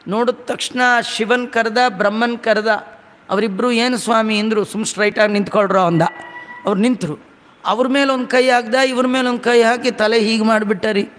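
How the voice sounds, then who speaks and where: Brief: high-pitched male religious storyteller, lively and chanting, recorded in a reverberant hall. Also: moderate pace. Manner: animated storytelling, chants Sanskrit verses. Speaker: religious discourse speaker. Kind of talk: devotional storytelling discourse.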